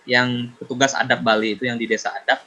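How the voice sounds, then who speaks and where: A man talks thoughtfully as a guest in a casual podcast chat, often stopping to search for words. His voice is bright and forward, and the recording is dull and lo-fi. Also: medium pitch, flat delivery. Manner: reflective, pausing with fillers. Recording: dull lo-fi sound.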